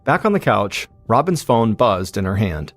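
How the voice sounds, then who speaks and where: A man hosting a podcast, telling a true-crime story in measured, suspenseful scripted narration. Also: lowish voice, very animated, a bit bright, dry recording, soft background music. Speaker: podcast host.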